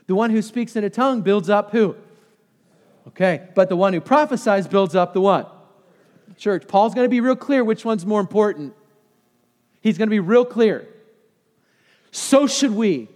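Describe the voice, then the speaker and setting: A man's voice: high voice, expressive, normal speed, pauses often, darkish tone, long reverb tail. A man in his thirties preaching a sermon with passion, throwing questions out to the congregation. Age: 30s.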